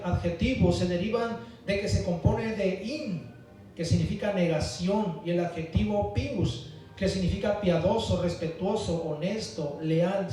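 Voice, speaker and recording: A man's voice: sits high, warm tone. A man preaching a Sunday school sermon, emphatic and calling the congregation for amens. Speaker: pastor. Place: church hall. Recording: echoey church hall, mic far off.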